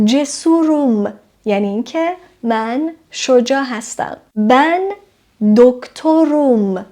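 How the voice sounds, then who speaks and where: A woman teaching a language lesson, explaining grammar step by step and saying each example word slowly and clearly. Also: on the high side.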